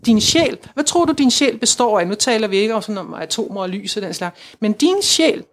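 A woman's voice: a little high, animated. A woman talking casually about spirituality, earnest and coaxing, repeating her points and acting out inner voices. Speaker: spiritual guide.

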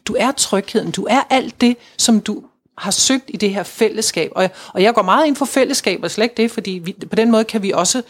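A woman's voice: a little high, hardly any pauses, slightly rough. Earnest woman coaxing spiritual talk. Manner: earnest, repetitive, coaxing, acts out inner voices. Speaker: spiritual guide. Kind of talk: casual spiritual conversation.

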